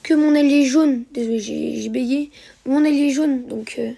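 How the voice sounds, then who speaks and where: A woman's voice: high-pitched, normal speed, creaky, warm tone. A woman narrating a strategy game replay for viewers, hesitant, with many fillers and self-corrections. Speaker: gameplay commentator.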